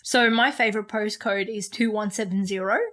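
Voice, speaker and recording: A woman's voice: medium pitch, steady tone, normal speed, fairly bright tone. A young woman co-hosting a casual podcast, joking at her own expense in a giggly, playful way. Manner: playful, self-mocking, giggly. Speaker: podcast co-host. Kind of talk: casual banter.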